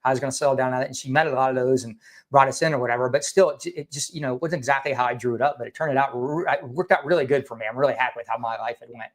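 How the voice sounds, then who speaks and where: A man hosting a livestream, asking questions and talking in quick, loose, repetitive phrases. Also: mid-range voice. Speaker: livestream host. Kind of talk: casual livestream chat.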